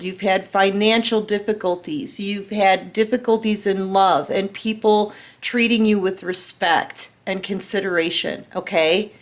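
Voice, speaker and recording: Earnest tarot reader in her fifties, a woman, mid-pitched, talks straight to her viewers and keeps checking in. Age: 50s. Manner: earnest, repeats "okay?" and "right?" often. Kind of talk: casual spiritual reading to camera.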